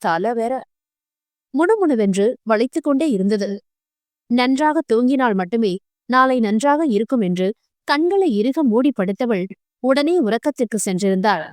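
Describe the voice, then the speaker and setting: A woman narrating an audio novel in a steady storytelling manner. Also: a little high, measured pace, pauses often, no room sound, clean studio sound. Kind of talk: scripted narration.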